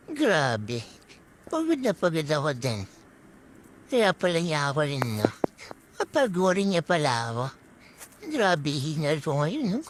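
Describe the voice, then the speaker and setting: Cast: a woman as a clingy, teasing pet dog, low-set voice that swings up and down, vlog voice-over. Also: slight background noise, heavily acted. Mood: tired, panting. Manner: sing-song teasing, talking as the dog to the owner.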